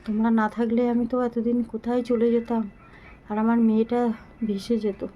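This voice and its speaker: A woman's voice: on the high side, little pitch movement, highs cut off. Breathless, weak-voiced middle-aged woman. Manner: slow, halting, pleading. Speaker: vlogger. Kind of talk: casual talk to viewers. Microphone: phone camera.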